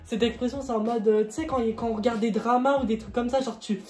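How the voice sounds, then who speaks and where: A man's voice: very high-pitched, fairly even intonation, quick pace, a little mellow, soft background music. A man chatting casually off to the side, cutting in to explain things. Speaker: vlogger's boyfriend. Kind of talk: casual chat.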